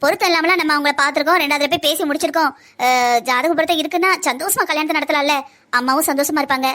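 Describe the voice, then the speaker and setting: A woman voicing a sharp-tongued, scheming young woman who pushes and coaxes her family in a cartoon drama. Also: high-pitched, rapid-fire. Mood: coaxing. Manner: pushy, coaxing.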